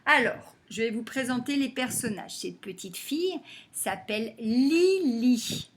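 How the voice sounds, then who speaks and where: A woman teacher giving a phonics lesson to young children, saying words slowly and clapping them out syllable by syllable. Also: fairly high pitch, animated, slight background noise. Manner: slow and deliberate, stretching and clapping out words syllable by syllable.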